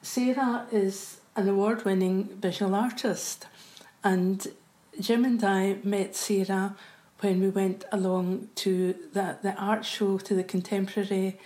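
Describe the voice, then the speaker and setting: A woman's voice: medium pitch, steady tone, unhurried, warm tone. A woman hosting a casual interview, chatty and hesitant, with many fillers. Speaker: podcast host, interviewer. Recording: roomy room with faint background noise.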